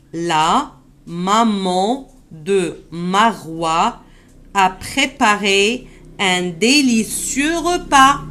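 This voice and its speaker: A woman teaching French pronunciation to children, repeating each word slowly and clearly. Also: mid-range voice, fairly bright tone. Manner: slow, deliberate repetition of words for learners; switches to quick Moroccan Arabic asides.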